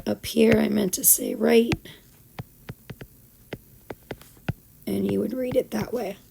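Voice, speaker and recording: A middle-aged woman teacher with a hoarse, swallowed, froggy voice that is giving out, explaining a recorded lesson informally and step by step. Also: medium pitch, steady tone, moderate pace, background noise. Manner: instructive, step-by-step. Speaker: school math teacher.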